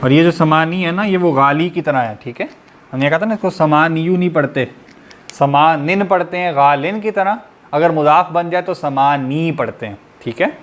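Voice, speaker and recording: A man's voice: a little high, lively intonation, brisk. A man teaching an online class, explaining step by step and quizzing his students with repeated questions. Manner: patient, methodical explaining.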